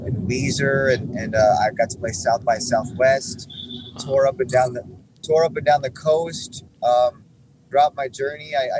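Relaxed rambling man, noisy background. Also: mid-range voice. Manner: relaxed, rambling with many restarts. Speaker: guest musician. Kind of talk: conversational faith testimony. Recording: background noise.

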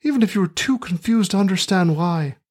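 A man's voice: high voice, lively intonation, a little fast, slightly rough. Rustic English Midlands working man, acted by a male podcaster, earnest and sentimental, parody of a heroic film speech. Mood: earnest, wistful. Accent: put-on rustic English Midlands.

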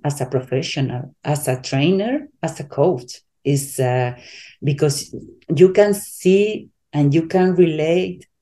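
Slow Spanish-accented woman searching for words. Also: on the low side, dark tone. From Spain. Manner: halting, searches for English words, many restarts. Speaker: coach, guest. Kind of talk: casual interview talk.

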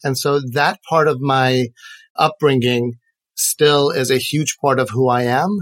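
A man in his forties from Iran, a podcast guest and educator, answering in an earnest, measured way and linking his thoughts with "and so". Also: medium pitch, fairly even intonation, a bit bright, dry recording. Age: 40s. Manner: earnest, measured, links ideas with "and so". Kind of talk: reflective interview answers.

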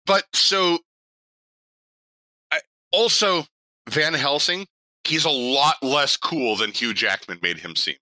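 Bright, animated young man chatting. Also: on the high side, low-quality recording. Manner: animated, laughing, swearing, quick asides. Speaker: podcast co-host. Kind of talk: casual chat.

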